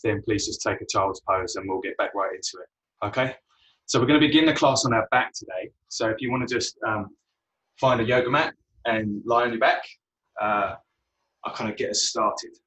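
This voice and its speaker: A man guiding a yoga class, relaxed and unhurried, with frequent ums. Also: on the low side, recorded from a distance, low-quality recording. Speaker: yoga teacher.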